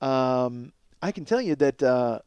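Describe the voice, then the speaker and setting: In a dry recording, a man in his forties with a clear, resonant, slightly mellow medium-pitched voice hosts a comedy podcast. He's animated but slow-paced, rambling through casual stories in a profane, self-deprecating, emphatic way.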